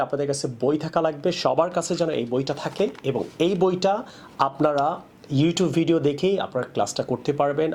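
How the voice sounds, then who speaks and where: A man teaching a spoken English lesson, drawing out example sentences slowly. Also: a little high, darkish tone. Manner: slow, drawn-out example sentences.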